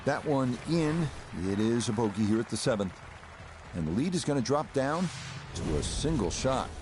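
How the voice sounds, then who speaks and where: A man working as a lead golf commentator, calling play in a measured, conversational broadcast manner. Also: mid-range voice, lively intonation. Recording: clear outdoor ambient noise behind.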